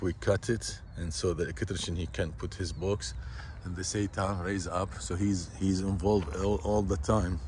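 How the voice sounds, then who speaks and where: A man walking a construction site and explaining the work in plain, halting, repetitive phrases, recorded on a handheld phone outdoors. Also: sits low, background noise. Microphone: phone camera held by the speaker.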